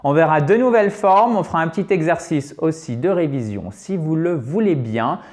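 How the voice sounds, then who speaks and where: A man teaching English to French speakers in an online lesson. He explains patiently, step by step, repeats words slowly to model pronunciation, and addresses viewers directly as friends. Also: on the high side, expressive.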